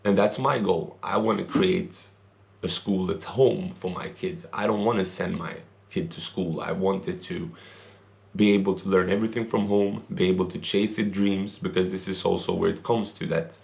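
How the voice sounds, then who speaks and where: A man's voice: low voice, steady tone, moderate pace, gravelly, darkish tone. A young man, an English speaker born and raised in Sweden, giving an earnest, rambling opinion monologue for his vlog. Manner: earnest, rambling, non-native grammar. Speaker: vlogger.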